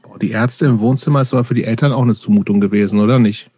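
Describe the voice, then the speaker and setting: A man hosting a casual interview, asking relaxed, steering questions. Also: medium pitch, fast talker, breathy edge, no echo. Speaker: podcast host.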